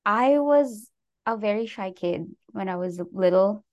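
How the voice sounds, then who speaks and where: A woman's voice: mid-range voice, unhurried, muffled recording. A young adult woman from the Philippines, a guest talking casually in an interview with many filler words. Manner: relaxed, lots of "like" fillers, laughs between phrases.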